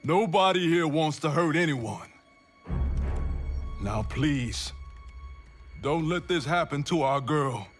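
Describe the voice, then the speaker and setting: A man's voice: fairly high pitch, animated, slow, long pauses, faint music behind. Intense, protective soldier father. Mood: pleading, anguished. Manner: blunt, earnest. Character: gruff, anguished soldier father, protective and stubborn. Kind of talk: dramatic video game acting.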